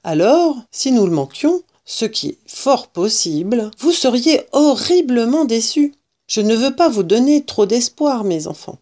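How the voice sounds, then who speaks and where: A woman voicing a clever, proud male fox father who leads his cubs, exclaiming loudly when excited. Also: a little high, unhurried, voice pushed up. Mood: cautious.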